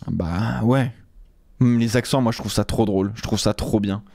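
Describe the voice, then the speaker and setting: A man's voice: lowish voice, moderate pace, vocal fry, mellow, dry recording, studio quality. A man chatting casually on a live stream, rambling with many fillers and restarts.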